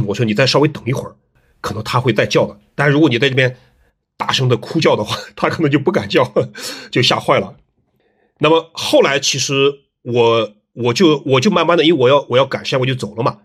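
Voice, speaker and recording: A middle-aged man, a landscape design teacher, telling stories in a relaxed interview with lots of fillers and tag questions. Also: mid-range voice, breathy edge. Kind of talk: casual interview storytelling.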